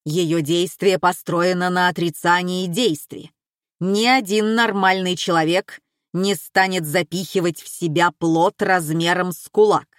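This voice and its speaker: A woman voicing a touchy, pedantic male expert who lectures in a precise, measured way, read slowly in a dry room. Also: fairly low pitch, fairly even intonation, no room sound, lightly acted. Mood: lecturing.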